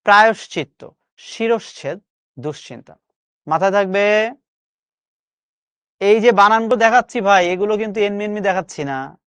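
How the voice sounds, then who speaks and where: A man's voice: high-pitched, moderate pace, pauses often, fairly bright tone, clean tone, no room sound. A man with a Bangladeshi Bengali accent teaching spelling in a live online lesson, coaxing and repeating each word for his students to drill. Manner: coaxing, repeats words for drill, chatty colloquial asides.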